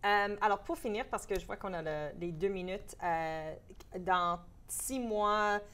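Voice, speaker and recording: A lively woman with a Canadian French accent hosts a casual interview and puts her questions to her guest. She slips English words into her French, and her voice sits at a middling pitch. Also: a little slow, clean tone. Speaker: local councillor, interview host.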